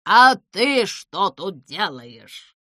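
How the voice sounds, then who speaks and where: Woman doing a loud, grumpy owl lady. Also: mid-range voice, animated, unhurried, no echo, clean studio sound. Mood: indignant. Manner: loud, exasperated outbursts.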